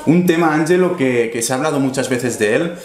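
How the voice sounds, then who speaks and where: A man's voice: mid-range voice, a little fast. A young man in his twenties hosting the interview, asking questions and giving short agreeing interjections. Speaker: interviewer host. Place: office room with large windows. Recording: roomy office echo.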